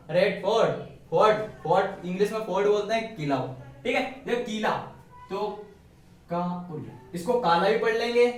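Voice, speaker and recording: A male shorthand teacher giving a casual classroom lesson, asking and answering his own questions and cracking jokes as he goes. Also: sits high. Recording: very echoey room, mic far away.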